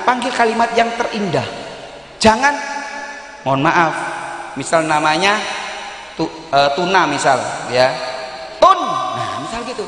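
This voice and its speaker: Javanese guy preaching to a village crowd, high bright voice, keeps quizzing people, big echo from the hall. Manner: lively, quizzes and coaxes the audience. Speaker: Islamic parenting speaker. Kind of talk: interactive religious talk to a village audience. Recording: echoey hall sound.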